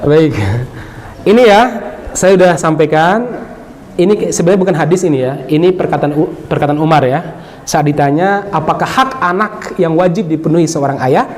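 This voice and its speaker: A middle-aged man from Bima, giving a religious lecture in a lively, humorous storytelling manner. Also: a little high, normal speed, a little hiss or hum. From Bima, Indonesia. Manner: lively and humorous, often laughing and acting out dialogue. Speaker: preacher.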